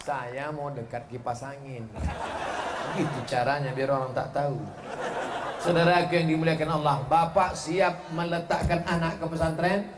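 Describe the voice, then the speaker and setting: A man preaching a humorous live sermon, animated and jokey, acting out little dialogues in shifting voices. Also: a little high, normal speed. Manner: animated, rises to loud exclamations. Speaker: Islamic preacher. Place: live outdoor or hall religious gathering. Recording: roomy live event with ambient noise.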